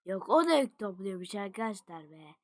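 A woman giving casual gameplay commentary to her viewers, excitable and jumping from low mutters to sudden shouts. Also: normal speed, no echo. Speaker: gaming video creator.

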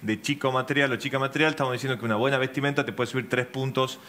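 A man's voice: mid-range voice, fairly even intonation, racing, pushed and bright. A man with an Argentine Spanish accent hosting a live TV show, joking and teasing his guest in playful banter. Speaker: TV host. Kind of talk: casual TV chat. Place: live TV studio.

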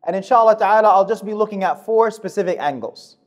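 A man in his thirties delivering a Friday sermon in a mosque, speaking at a podium microphone in a measured, emphatic way. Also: high voice. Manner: measured, emphatic delivery with fast recited Arabic verses. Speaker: khutbah speaker. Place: mosque prayer hall, indoors. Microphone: gooseneck podium mic.

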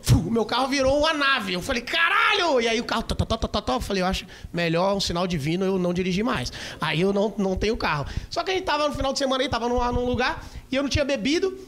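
A male stand-up comedian with a Brazilian accent, telling a story in a rowdy, swearing way and acting out scenes with sudden shouts. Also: very high-pitched, racing, few pauses. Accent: Brazilian Portuguese. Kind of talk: stand-up routine. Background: audience laughter.

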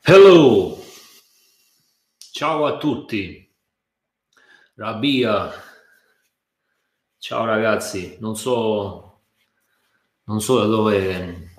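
A male guitar teacher chatting casually on a live stream from his sofa at home, halting and restarting his sentences, a little nervous. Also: lowish voice, roomy sound.

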